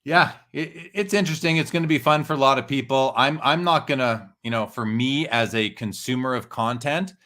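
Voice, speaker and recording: A talkative man with a medium-pitched voice gives casual commentary. He explains at length and states his opinions plainly. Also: brisk, hardly any pauses, pushed and bright. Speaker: show host and commentator.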